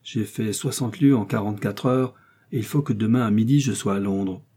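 A man's voice: fairly low pitch, moderate pace, dark tone, husky. A man reading an audiobook and voicing a proud young male nobleman who speaks curtly and haughtily. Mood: haughty. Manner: haughty and curt. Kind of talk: audiobook character voice.

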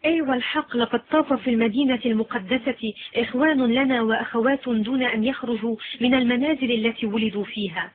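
A woman voicing a calm, certain female mystic, reciting slowly and solemnly. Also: on the high side, natural voice. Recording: lo-fi phone-like sound.

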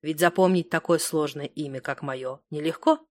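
Elegant mysterious lady, soft and shy, kinda confiding, woman reading her, dry sound. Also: deep voice, moderate pace, no room sound, voice pushed down, close to an everyday voice. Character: elegant mysterious young noblewoman.

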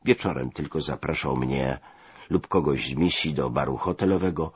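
A man narrating a memoir as an audiobook, deliberate and expressive, in a dull lo-fi recording. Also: rumbling low, slightly rough, no echo.

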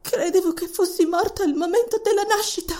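A woman voicing a frightened, indignant young queen in an audiobook, speaking in shrill, panicked cries and stammers. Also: fairly quick, darkish tone. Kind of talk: audiobook voice acting.

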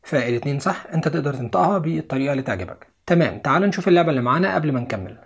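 A man's voice: on the high side, animated, racing, gravelly, breathy edge. A young man with an Egyptian Arabic accent teaching an English lesson on video, explaining step by step and repeating each word twice.

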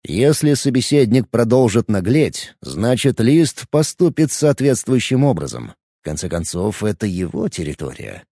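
A man narrating a fantasy audiobook in expressive, scripted narration. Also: lowish voice, normal speed, no echo, studio quality.

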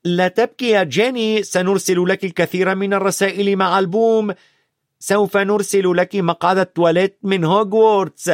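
A man's voice: sits high, fairly even intonation, no echo, clean studio sound, pitched above the performer's own voice, natural voice. A man doing cheeky teenage twin boys. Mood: cheerful. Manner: playful, quick and loud.

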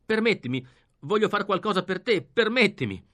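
A man's voice: big pitch swings, moderate pace. A man reading an audiobook, voicing a desperate young male delinquent who pleads in a raised, strained voice. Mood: desperate pleading. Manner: pleading, pitched up and pushed louder.

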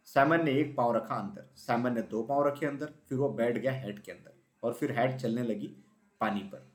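A man tells a children's story aloud and gives the telling plenty of expression. His voice has a medium pitch. A roomy echo comes through the recording. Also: moderate pace.

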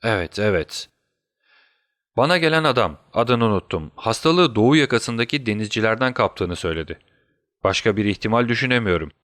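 A clever detective speaks from his sickbed, urgent and conspiratorial, as a man reading the story voices him. The voice is a little low and the recording dry. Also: expressive, a little fast, fairly bright tone, no room sound. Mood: faint. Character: sick, feverish male detective, clever.

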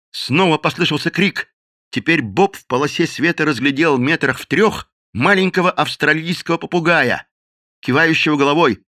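A man reading a novel aloud as an audiobook narrator with expressive, dramatic delivery. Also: on the high side, no echo, clean studio sound. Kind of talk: scripted narration.

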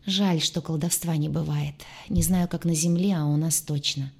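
A woman's voice: on the low side, moderate pace, darkish tone, husky. A woman voicing a brooding alien captain. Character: alien male starship captain, brooding, tender.

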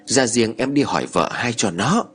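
A man's voice: mid-range voice, normal speed, breathy edge, faint music behind, exaggerated voice. A man doing an offhand young village woman. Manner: offhand, calm.

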